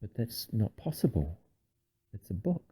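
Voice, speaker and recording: A man voicing an alarmed young boy reader who speaks in a hushed, anxious way. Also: lowish voice, sing-song, unhurried, slightly rough, voice pushed up, exaggerated voice. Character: alarmed boy reading a book.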